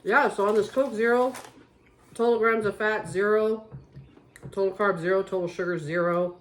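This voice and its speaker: A woman's voice: medium pitch, normal speed, a little hiss or hum. Chatty woman hosting a snack review. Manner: chatty, excitable, addresses viewers directly. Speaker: vlog host. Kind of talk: casual food review chat.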